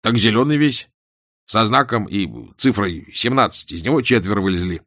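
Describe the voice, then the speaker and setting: A man voicing a loud, eager, deferential former policeman who barks his words. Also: fairly low pitch, lively intonation, moderate pace, no echo, studio quality. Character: loud loyal older male ex-policeman.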